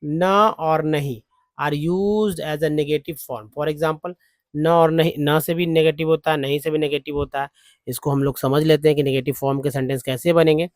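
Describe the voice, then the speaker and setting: A man with an Indian English accent teaches a language lesson, moving between Hindi and English. His voice is a little high and a little mellow, with no echo. He speaks slowly and says each English phrase several times over.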